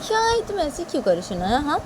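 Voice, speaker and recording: A woman's voice: sits high, huge pitch swings, fast, slight background noise, pitched above the performer's own voice. A woman voicing a young woman who pleads and keeps asking forgiveness. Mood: pleading. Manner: pleading, repeating questions.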